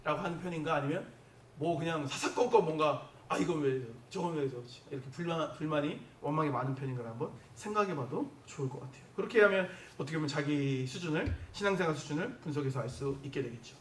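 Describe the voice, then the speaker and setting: Lively high-voiced pastor preaching in echoey church. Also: male voice, fast talker, slight background noise. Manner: conversational preaching with rhetorical questions to the congregation. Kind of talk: sermon. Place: church sanctuary. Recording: echoey church hall from a distance.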